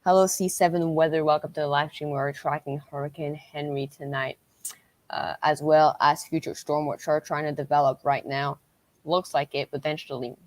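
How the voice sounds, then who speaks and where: A woman livestreams as a weather tracker, giving unscripted storm updates in a halting, repetitive way. Her deep voice holds a steady tone, with no room sound.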